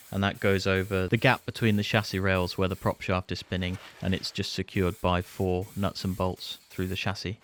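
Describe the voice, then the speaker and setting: A British man in his thirties narrating a restoration video in an understated, conversational way with casual asides. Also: fairly low pitch. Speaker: host of restoration video series. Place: barn workshop. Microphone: clip-on lapel mic.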